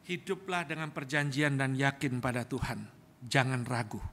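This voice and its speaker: A man's voice: mid-range voice, normal speed. A middle-aged man preaching a sermon, telling vivid stories and constantly calling out to his congregation. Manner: storytelling, animated, addresses congregation as "saudara". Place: large church hall. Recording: reverberant church hall.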